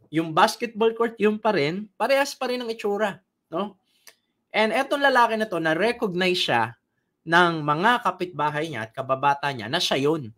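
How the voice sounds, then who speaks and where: High-voiced man telling a story. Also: a bit bright. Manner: chatty storyteller who laughs at his own story and asks the audience questions. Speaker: trainer. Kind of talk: online training session with storytelling.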